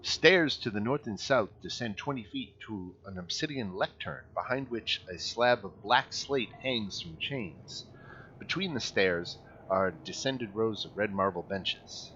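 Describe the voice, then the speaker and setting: A man narrating a tabletop game as game master, halting and pausing often. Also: lowish voice, expressive, pushed and bright. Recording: slightly muffled, faint room noise.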